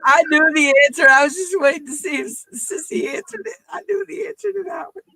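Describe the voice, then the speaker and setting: A woman's voice: very high voice, fast talker, bright, forceful tone, poor audio. A woman chatting casually as the host of a livestream. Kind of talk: casual chat.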